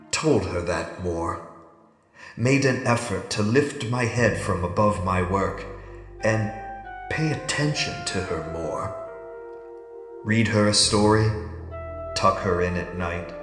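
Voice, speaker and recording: In an audio drama monologue, a man with a lowish voice plays an ageing, regretful scientist fighting off an alien conditioning in his mind. He speaks formally and broodingly, with heavy pauses. The recording is in an echoey, reverberant hall with music underneath.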